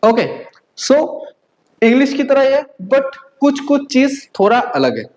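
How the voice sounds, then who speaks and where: A woman from India teaches a beginner class at a measured, methodical pace. She spells sounds out one by one, and a steady "okay?" runs through her speech to keep learners with her. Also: sits high, low-quality recording. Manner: patient drilling, frequent "okay?" check-ins, slow spelled-out letters. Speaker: German language teacher. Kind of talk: beginner language lesson.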